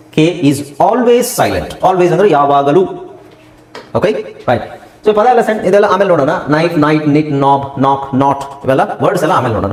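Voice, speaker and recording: Guy teaching english, fast and lively, echoey room. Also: fairly high pitch. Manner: lively, repeats and drills letters and words. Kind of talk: classroom lesson. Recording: roomy echo.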